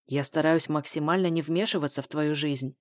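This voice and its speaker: A woman reading a calm, even-toned man. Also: sits low, brisk, dry recording, clean studio sound, lightly acted. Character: calm grown man, the narrator's ex-lover.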